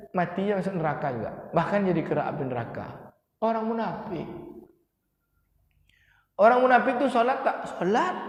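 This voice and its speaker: A male preacher gives a lively sermon, throwing questions at his listeners. His voice sits high for a man. It echoes through a large hall with a long, ringing reverb. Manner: lively, asks the congregation questions.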